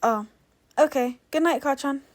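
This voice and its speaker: A woman's voice: high-pitched, normal speed, voice pushed up, close to an everyday voice. Woman voicing a shy teen boy, eager, apologetic, flustered, storybook reading, plain voice. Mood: cheerful. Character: shy cheerful teenage boy student.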